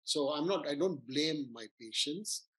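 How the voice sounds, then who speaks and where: A man's voice: fairly high pitch, expressive, unhurried, a bit bright, breathy edge, rough recording. A middle-aged man, a doctor, giving a casual, earnest talk on weight loss, explaining with frequent restarts. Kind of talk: informal health talk.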